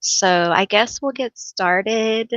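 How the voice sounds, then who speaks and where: On a laid-back live stream, a woman reads tarot in a bright, forceful, mid-range voice at an easy pace, chatting casually, laughing often and teasing herself as loud, a real yeller. The audio is dry, slightly dull and lo-fi, with no echo.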